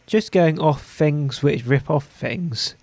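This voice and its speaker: A man hosting a casual podcast, with a dry, wry way of talking and some halting restarts. His voice sits a little high. The sound is close and dry. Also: a little mellow, dry recording. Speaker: podcast host. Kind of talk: casual review chat.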